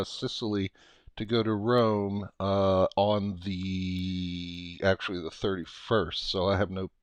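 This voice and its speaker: A middle-aged American man giving an unscripted, casual software walkthrough, thinking aloud haltingly as he explains. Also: sits low, no room sound. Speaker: software tutorial presenter.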